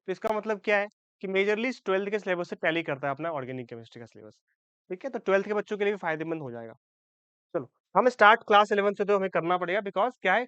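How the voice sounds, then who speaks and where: A man with a high, somewhat bright, smooth voice teaches chemistry to exam students in a blend of Hindi and English. He checks in with the class often and fixes his own slips along the way. The recording is dry, with the highs cut off.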